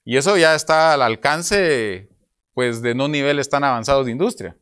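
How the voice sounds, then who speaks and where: At a medium pitch and normal pace, a young man from Guatemala presents to an academic conference panel in a clear, resonant, slightly bright voice. His Guatemalan Spanish accent carries through a table mic as he explains and poses rhetorical questions, with projector slides in the conference room.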